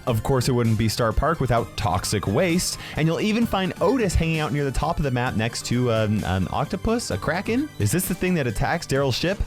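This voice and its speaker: Animated man hosting gaming news. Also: mid-range voice, a little fast, few pauses, soft background music. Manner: emphatic, conversational, with tag questions. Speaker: gaming video host. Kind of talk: casual gaming news commentary.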